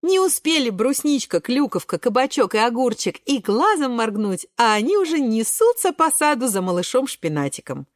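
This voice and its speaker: A woman reading a children's storybook aloud in a playful, animated way. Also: on the high side, normal speed, few pauses, no echo, clean studio sound.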